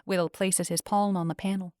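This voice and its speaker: A woman narrates a first-person story evenly and clearly. Her voice is slightly low and recorded close on a studio mic, completely dry with no room sound. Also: level tone, normal speed, warm tone, dry recording. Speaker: audiobook narrator.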